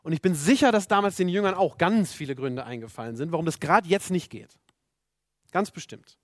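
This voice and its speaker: Brief: male preacher, fairly high voice, earnest and emphatic, dry close recording. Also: expressive, a little fast, no room sound. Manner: earnest, emphatic, repeats rhetorical questions. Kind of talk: sermon.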